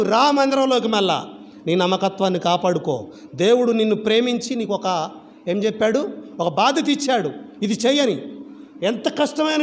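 Animated male preacher with a high voice, quizzing his flock, long hall reverb. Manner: animated, asks the congregation repeated rhetorical questions. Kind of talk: church sermon. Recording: reverberant church hall with faint background noise.

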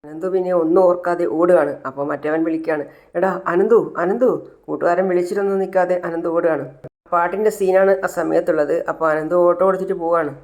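Animated storyteller retelling a serial. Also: mid-range voice, fast. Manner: animated, switches into characters.

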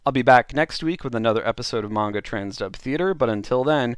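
A man's voice: mid-range voice, fast talker, clear, resonant tone, dry recording, clean studio sound. A man narrating a dubbed storybook play as host, with playful, chuckling asides.

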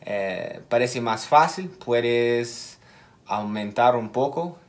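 A man teaching a casual video lesson at an unhurried, careful pace. He repeats key words for emphasis and stumbles a little in his Spanish. His voice sits in a middle register. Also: mid-range voice, lively intonation. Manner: makes small slips in his Spanish. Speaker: English teacher.

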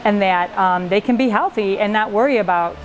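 A middle-aged woman from a refugee ministry, giving a steady, earnest statement to the camera. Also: medium pitch, brisk, low-quality recording. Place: indoor pantry room with volunteers. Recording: busy room with crowd chatter. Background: crowd chatter.

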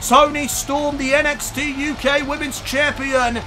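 A man shouting excitable wrestling play-by-play commentary over a video game, straining his voice as he goes. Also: very high-pitched, a little slow, music in the background. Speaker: YouTube gaming commentator.

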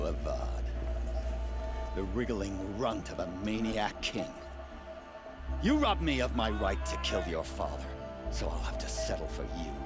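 A cruel, gloating warlord villain for a video game. His delivery is theatrical and menacing, with huge swings in pitch. Loud game music plays underneath. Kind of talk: dramatic video game acting. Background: loud game soundtrack.

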